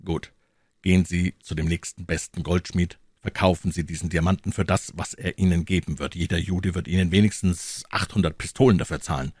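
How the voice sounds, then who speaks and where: A man's voice: low voice, steady tone, brisk, a little mellow, husky, dry recording, studio quality. A man voicing an older, worldly captain in an audiobook, speaking in a grave, warning, lecturing way. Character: old, gruff, worldly male captain. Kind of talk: audiobook character voice.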